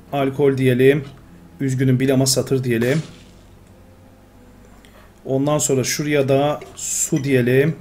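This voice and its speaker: A man's voice: mid-range voice, a little hiss or hum. A man commentating his own gameplay, talking to himself and getting exasperated. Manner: talks to himself, excitable, exasperated. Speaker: gamer. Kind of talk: Let's Play commentary.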